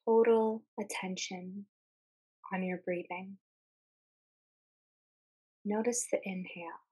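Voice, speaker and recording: Calm and soothing, a woman with a soft, husky, medium-pitched voice leads a guided meditation. Her short phrases come with pauses in between, and the audio is poor.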